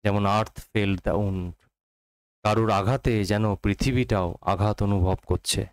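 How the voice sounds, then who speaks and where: A man with a Bengali accent teaching English literature for exams, reading quotations slowly and explaining quickly in Bengali mixed with English. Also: on the low side, clear, resonant tone, no echo, rough recording. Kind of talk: exam-prep literature lesson.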